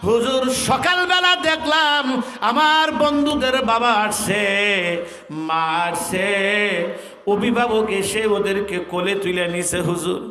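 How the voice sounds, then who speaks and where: A man's voice: very high voice, a little slow, bright, forceful tone, full character voice. A man preacher voicing a grieving orphaned boy of about ten, pleading and tearful. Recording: echoey hall reverb.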